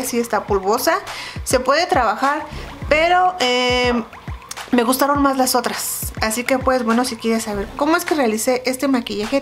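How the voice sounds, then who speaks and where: A woman talks through her makeup routine in a casual, halting way, full of fillers. Her voice sits a little high. Faint music plays beneath her. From Mexico. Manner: chatty, hesitant, many fillers. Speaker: beauty vlogger.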